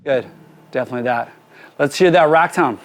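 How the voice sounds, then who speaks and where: Briskly and in a medium-pitched voice, a music producer runs a casual mixing tutorial, telling his crew what to do in an informal, directive way. The setting is a recording studio with a drum kit and PA.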